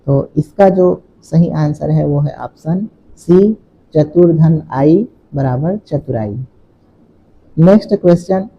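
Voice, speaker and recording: A man's voice: fairly high pitch, highs cut off. A man teaching as an exam coaching teacher, working through multiple-choice questions step by step and repeating the key points. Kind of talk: exam question walkthrough lesson.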